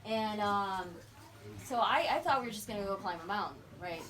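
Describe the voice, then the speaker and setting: A middle-aged woman sharing a personal story at a memorial, animated and acting out the voices of others. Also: medium pitch, normal speed, heavy background noise. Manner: animated, acts out quoted voices, laughs often. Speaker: memorial speaker. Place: memorial gathering. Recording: distant mic with crowd around.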